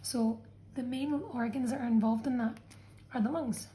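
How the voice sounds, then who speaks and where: Mellow-voiced woman teaching a revision lesson. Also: on the high side, fairly even intonation, normal speed, a little hiss or hum, poor audio. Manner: patient, explanatory, checks in with "okay". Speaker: science teacher. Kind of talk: revision lesson narration over a drawn diagram.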